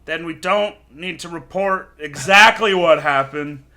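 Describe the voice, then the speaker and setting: A man's voice: a little high, unhurried, bright, forceful tone. A man voicing a weary male first officer who shrugs off a disaster in a resigned way.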